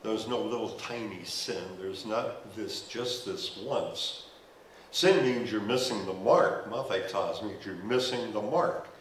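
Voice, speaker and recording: An older man with a lowish voice preaches slowly as pastor, walking the church stage and gesturing while speaking into a headset mic. His sermon is conversational with humorous asides. The sound is roomy and distant, with slight background noise.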